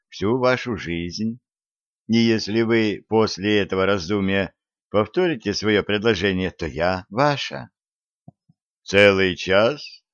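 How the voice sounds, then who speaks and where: A man's voice: fairly low pitch, dry recording. A man voicing an earnest young woman who pleads and urges in an audiobook. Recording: dry, slightly dull audiobook recording.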